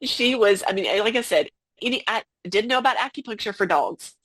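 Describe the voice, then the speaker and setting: A woman guest on a podcast, speaking about a personal loss in a halting way, full of fillers and restarts. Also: fairly high pitch, fairly bright tone, husky, dry recording. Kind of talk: emotional personal conversation.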